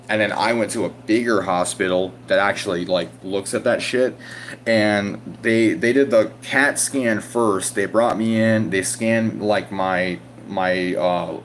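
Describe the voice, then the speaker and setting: A young man telling a long, profane story in casual vlog style, with lots of restarts, and loudly acting out his own screams. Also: lowish voice, slight background noise. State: recovering from illness. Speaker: vlogger.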